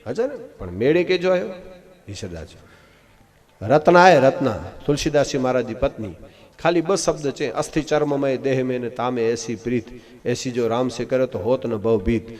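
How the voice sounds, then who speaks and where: A man from Gujarat, giving a devotional discourse full of folk stories, acting out the characters and rising loud at punchlines, recorded live through a PA. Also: mid-range voice, normal speed. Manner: animated storytelling, acts out voices of wife and husband, rises loud in punchlines. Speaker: katha storyteller. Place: live outdoor religious gathering.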